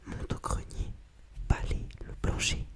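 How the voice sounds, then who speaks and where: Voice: measured pace, lightly acted. A narrator voicing a homely old villager from a storybook, in whispered role-play. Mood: homely, eager. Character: old peasant couple, simple and homely.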